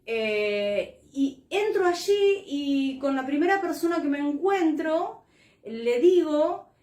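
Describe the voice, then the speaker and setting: High-voiced Argentine woman pastor. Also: animated, takes it slowly, darkish tone, reverberant. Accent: Argentine Spanish. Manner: heartfelt storytelling with many fillers and restarts. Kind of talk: sermon testimony.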